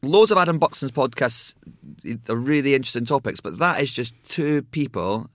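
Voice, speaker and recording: A man's voice: medium pitch, lively intonation, normal speed, dry recording, clean studio sound. A man co-hosting a podcast, rambling enthusiastically in casual chat. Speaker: podcast co-host.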